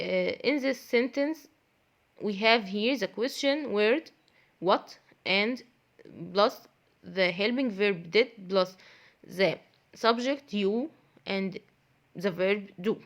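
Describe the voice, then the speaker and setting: A woman's voice: mid-range voice, lively intonation, slow, muffled recording. A woman teaching a primary school English lesson, who repeats key phrases, quizzes her pupils and praises their answers. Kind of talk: classroom grammar lesson.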